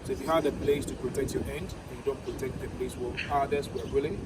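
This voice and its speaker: A man's voice: medium pitch, fairly even intonation, fast talker. A man working as a tour guide, explaining a historic site as he leads visitors through it. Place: inside stone castle cells and passages. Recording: echoey stone chambers, distant mic, clear background noise.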